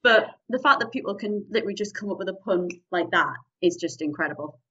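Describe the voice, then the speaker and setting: A woman's voice: mid-range voice, animated, quick pace, fairly bright tone. A woman from Newcastle with a northeast English Geordie accent, chatting casually as an interview guest about her performing. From Newcastle upon Tyne, northeast England. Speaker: guest, improv comedy performer. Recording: dull, distant-sounding lo-fi audio.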